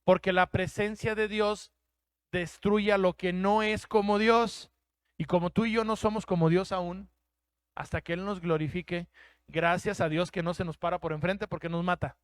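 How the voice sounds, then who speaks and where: A man's voice: high voice, steady tone, normal speed, clean tone, dry recording, studio quality. A man with a Mexican Spanish accent preaching a sermon as pastor, emphatic, acting out quoted voices.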